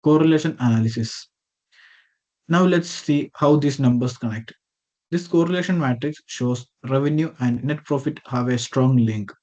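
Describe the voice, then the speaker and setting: Reading his slide presentation from a script over a video call, a man makes minor slips and fixes them himself. His medium-pitched voice is warm, though the highs are cut off.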